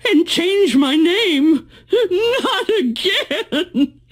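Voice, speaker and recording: An actress playing an exasperated middle-aged pufferfish driving teacher in a cartoon game, prim and melodramatic, with a husky voice. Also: female voice, very high voice, expressive, very slow, exaggerated voice. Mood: panicked, indignant. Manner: melodramatic, prim, strained patience.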